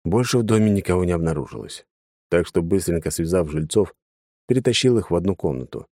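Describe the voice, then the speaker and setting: A male audiobook narrator reading a first-person fantasy story in a dry, matter-of-fact way. His voice is low and dark. The sound is close and dead, as in a treated recording booth. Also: expressive, fast, no room sound.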